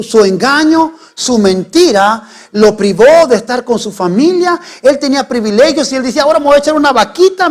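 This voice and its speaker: A middle-aged male pastor, preaching a sermon. He swings from hushed, quiet lines to sudden loud, raised ones. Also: sits high.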